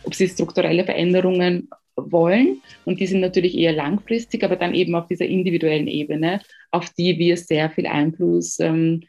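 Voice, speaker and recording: A woman from Ghana, a guest answering interview questions in a measured, thoughtful way with frequent pauses to find words. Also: lowish voice, fairly even intonation, creaky, darkish tone, highs cut off, soft background music. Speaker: guest, education researcher.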